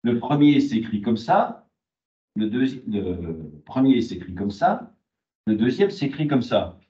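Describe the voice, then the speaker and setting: A man's voice: medium pitch, very animated, slow, warm tone. A man lecturing a university class, asking rhetorical questions and answering them himself. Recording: muffled, echoey classroom.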